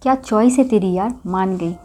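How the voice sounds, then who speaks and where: A woman's voice: medium pitch, moderate pace, mellow, soft background music, close to an everyday voice. A woman playing a young female friend chatting casually and teasingly on the phone, drawing her words out.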